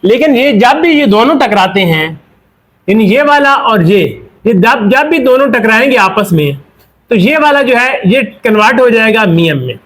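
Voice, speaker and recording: A man with a Pakistani Urdu accent teaching a Korean pronunciation lesson. He asks questions, answers them himself, and slows down to spell out the example words. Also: very high voice, lively intonation, fairly bright tone. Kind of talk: classroom lesson explanation.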